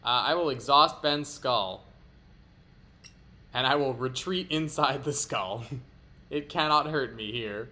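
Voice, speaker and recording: A man's voice: mid-range voice, takes it slowly, pauses often, sharp tone. A man playing a card game aloud, explaining his moves in a playful way and laughing often. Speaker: player.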